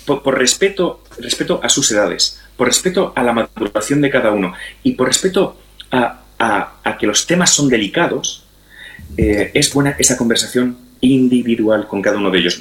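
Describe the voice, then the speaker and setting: A middle-aged Spanish man, a guest speaker on family and sex education, explains things conversationally in an interview. His mid-range voice is fairly bright, and his didactic manner has him repeat phrases for emphasis. The echoey room gives a roomy sound with slight background noise.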